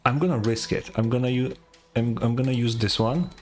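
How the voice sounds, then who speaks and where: Over game music, a streamer with a mid-range, darkish voice reacts casually to his gameplay at a fairly quick pace. He mutters, hesitates a bit, and thinks out loud.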